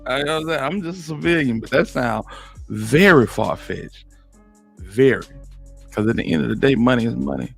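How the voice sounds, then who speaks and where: A man's voice: mid-range voice, moderate pace, vocal fry, husky, faint music behind. A man, hosting a live stream, commenting casually on an interview, laughing and greeting his chat.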